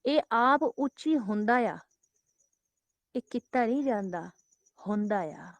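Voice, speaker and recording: A woman preacher giving a devotional sermon, slowly chanting scripture lines and repeating phrases with rising emphasis. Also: on the high side, lively intonation, no echo. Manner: repetitive, rising emphatic exhortation. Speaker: Sikh preacher giving katha.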